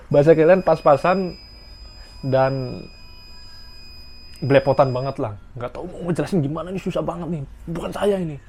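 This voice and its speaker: A man's voice: medium pitch, a little mellow. A young man from Indonesia who works in Japan, telling stories to his viewers in a casual vlog. He repeats points for emphasis. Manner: repetitive, emphatic storytelling addressed to viewers. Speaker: vlogger working in Japan.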